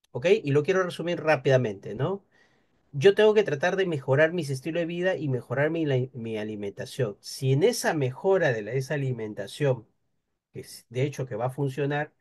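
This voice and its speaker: A man's voice: medium pitch, darkish tone. A man, giving an explanatory talk on nutrition and rest to an audience, teacherly, with frequent rhetorical questions. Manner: didactic, peppered with rhetorical questions. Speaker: invited speaker on nutrition.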